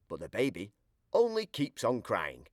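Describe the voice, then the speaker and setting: A man reading a children's picture book aloud in an expressive storytelling voice. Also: fairly low pitch, unhurried, no echo, studio quality. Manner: expressive, sing-song storytelling.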